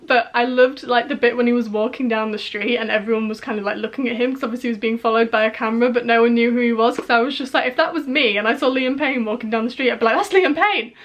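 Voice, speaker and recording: A woman in her early twenties from the UK, chatting casually to camera as a fan vlogger, gushing, with lots of "like" and restarts. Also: fairly high pitch.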